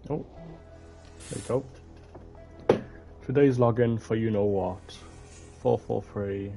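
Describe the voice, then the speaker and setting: With music in the background, a young man who's a little ill streams a horror game from his desk in an indoor room, using a headset. He speaks slowly in a lowish voice with vocal fry, reading in-game notes aloud between muttered asides.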